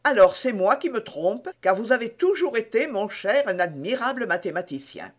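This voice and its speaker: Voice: mid-range voice, moderate pace. A reader voicing a vain, witty former musketeer turned abbé of about forty, who teases his friend and scolds his servant. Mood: teasing. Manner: teasing, imperious, lively. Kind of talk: audiobook character reading.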